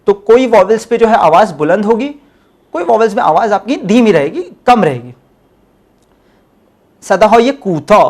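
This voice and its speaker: A man's voice: high-pitched, a little mellow. A man teaching Persian in a recorded lecture, explaining step by step, switching into English and repeating his key points. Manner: spells out letters one by one.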